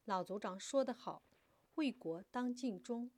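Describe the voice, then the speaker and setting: A woman voicing a fiery, defiant young daughter who declaims loudly and passionately. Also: fairly high pitch, animated, measured pace. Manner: impassioned, loud declaiming.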